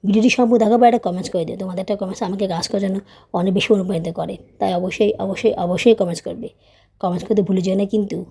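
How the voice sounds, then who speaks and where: Fast, mellow-voiced woman vlogger. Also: mid-range voice, steady tone, breathy edge. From Bangladesh. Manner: chatty, storytelling, often adds tag questions; raised, scolding teacher voice when tutoring her child. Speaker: vlogger, mother. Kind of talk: casual voice-over narration.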